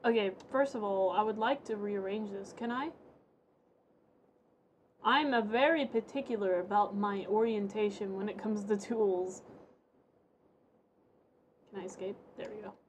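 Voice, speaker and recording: A woman's voice: medium pitch, a little slow, pauses often, slight background noise. A woman giving casual live game commentary, informally thinking aloud to herself and her viewers. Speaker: game streamer.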